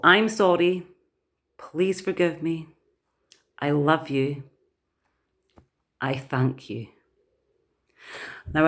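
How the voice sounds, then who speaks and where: A woman, softly guiding listeners through a healing prayer in a relaxed, unhurried way. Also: deep voice. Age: 40s. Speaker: holistic therapist and vlogger. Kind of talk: gentle guided prayer talk.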